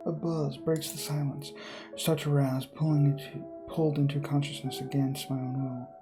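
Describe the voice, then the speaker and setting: A male gaming video host dramatically reads visual novel text with casual asides and a few stumbles, game music running behind him. He speaks at normal speed with a fairly high pitch and flat delivery.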